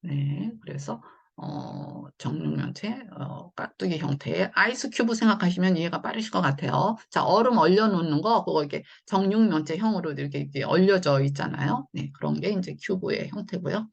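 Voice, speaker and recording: Woman, phonics teacher, patient explaining, fillers, low voice, muffled lo-fi sound. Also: expressive, normal speed, creaky, hardly any pauses, breathy edge. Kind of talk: online phonics lesson.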